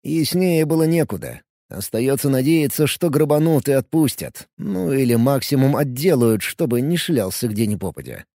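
A male audiobook narrator telling a first-person story with a lively, swinging delivery. His voice is mellow and darkish, and the sound is dry and close to the mic. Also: mid-range voice, moderate pace, few pauses, dry recording.

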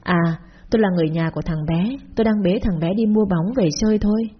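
A woman's voice: medium pitch, fast talker, husky, muffled recording, lightly acted. A woman voicing a shifty male stranger who coaxes and stammers in a storybook tale. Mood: stammering. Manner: wheedling, stammering.

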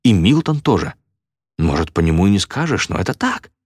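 A man's voice: sits low, very animated, brisk, slightly rough, dry recording, studio quality, heavily acted. A man voicing an earnest, rambling eccentric who talks in a raised voice in a storybook reading. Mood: warm.

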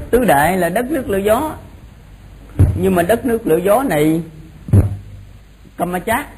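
A man's voice: on the high side, darkish tone, poor audio. A man giving an informal explanatory religious lecture, often repeating phrases for emphasis. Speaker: Buddhist monk teaching a doctrine class. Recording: noticeable background noise.

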